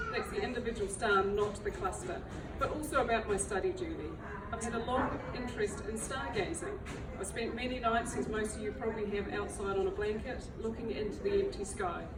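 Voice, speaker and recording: A library director from New Zealand gives a public talk to an audience, her voice on the high side, fairly quick, with hardly any pauses. She's chatty and self-deprecating. The recording is roomy and noisy, miked from a distance.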